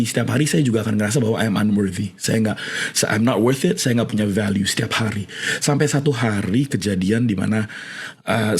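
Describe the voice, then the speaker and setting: Husky-voiced man, animated podcast guest. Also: on the low side. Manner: mixes English phrases into his talk, animated, laughs often. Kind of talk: conversational storytelling and advice.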